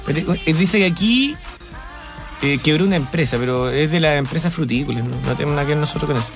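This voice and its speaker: A man's voice: on the high side, animated, fast, soft background music. A man with a Chilean accent co-hosting a radio show in casual chat, joking and rambling and laughing at himself. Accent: Chilean Spanish. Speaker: radio co-host. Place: radio studio.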